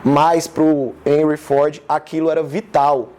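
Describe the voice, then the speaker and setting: Chatty high-voiced man from Goiás. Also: little pitch movement, takes it slowly, dark tone. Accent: Goiás Brazilian Portuguese. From Goiás, Brazil. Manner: casual, chatty, addresses the audience directly. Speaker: business speaker hosting a live session. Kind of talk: informal live talk to an audience.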